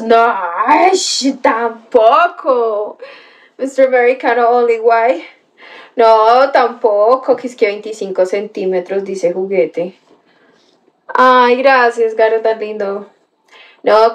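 A woman's voice: on the high side, takes it slowly. A young woman chatting on a livestream, telling a story with gasps and exclamations and greeting viewers by name. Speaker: livestream host reading chat. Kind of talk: casual livestream chat.

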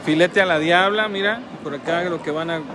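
Shot on a phone at a roadside table, this food vlog features a Mexican-accented man whose voice runs on the high side as he talks briskly over background noise. Casually reviewing his restaurant meal, he laughs often and repeats himself.

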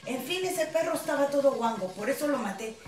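A high-pitched woman spins jokes in an animated, chatty way and laughs through her punchlines. She sits some distance from the mic in an echoey TV studio with music playing behind. The sound is roomy and distant. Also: a little fast. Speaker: guest actress. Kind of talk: chatty joke-telling.

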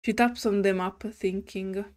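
Slow, giggly woman streamer. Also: mid-range voice, fairly even intonation. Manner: slow, giggly and hesitant, with restarts. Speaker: gaming streamer. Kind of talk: reading a story game aloud with commentary.

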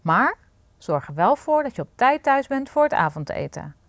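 A woman's voice: a little high, sing-song, moderate pace, no room sound, pitched above the performer's own voice. A woman reading aloud and voicing an ogre's meek, friendly wife in a children's storybook. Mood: agreeable.

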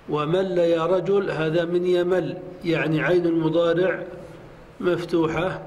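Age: adult. Sex: man. Style: measured mosque lecture, slightly high voice, long hall reverb. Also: a little hiss or hum. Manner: measured, repeats examples slowly and deliberately. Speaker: sheikh teaching a lesson. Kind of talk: classroom lecture.

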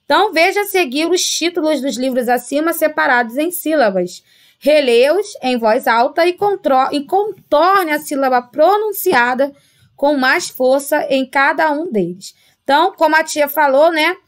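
High-voiced Brazilian teacher, patient and slow. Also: female voice. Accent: Brazilian Portuguese. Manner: patient, slow and drawn-out on example words, frequent "tá?" and "né?" checks. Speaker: primary school teacher. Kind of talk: recorded remote class lesson.

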